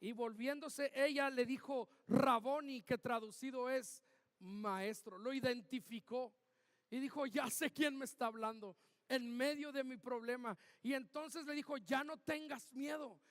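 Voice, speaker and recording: A Mexican pastor with a very high voice delivers an unhurried sermon, breaking into loud, emphatic bursts whenever he acts out quoted lines. His words ring through a church hall, trailing a long echo.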